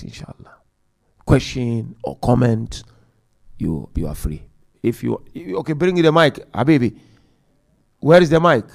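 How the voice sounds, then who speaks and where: A man's voice: on the low side, vocal fry, a little mellow. A man giving a religious lecture to a congregation in a mosque, speaking directly and with animation to the audience.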